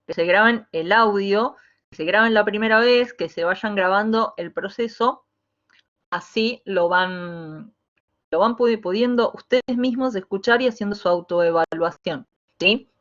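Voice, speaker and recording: A woman with a Rioplatense Spanish accent, teaching a voice workshop as a coach, talking in a lively, demonstrative way with many fillers and restarts. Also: medium pitch, measured pace, lo-fi sound. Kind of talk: online workshop lesson. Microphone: video call.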